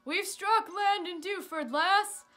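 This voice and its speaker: A woman voicing a gruff old male sea captain in a video game, with a hearty sailor's way of talking. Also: slow, sharp tone, faint music behind, full character voice. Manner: hearty, booming sailor talk.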